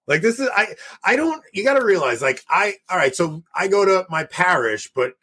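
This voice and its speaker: A man of forty hosting a casual online talk show, excited and quick, with many restarts. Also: sits high, husky. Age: 40s. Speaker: podcast host.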